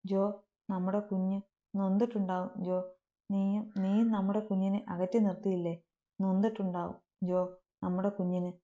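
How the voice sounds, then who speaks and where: A woman's voice: mid-range voice, flat delivery, normal speed, pauses often, mellow, muffled recording, natural voice. A woman voicing a heartbroken young wife who pleads in a broken voice. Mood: grief-stricken.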